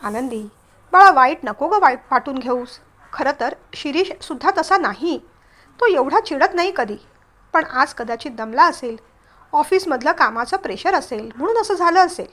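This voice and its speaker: A gentle middle-aged aunt who keeps the peace at home, read by a woman narrator in a family story. Her voice is high and soothing. She coaxes everyone along. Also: expressive, normal speed.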